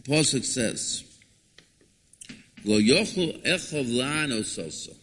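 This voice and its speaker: A man's voice: mid-range voice, expressive, slow, a bit bright, a little hiss or hum. A man gives a religious lecture like a rabbi, dramatic and emphatic, posing rhetorical questions and repeating himself. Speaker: rabbi giving a Torah lecture. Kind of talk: sermon, expounding scripture. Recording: echoey hall with long reverb.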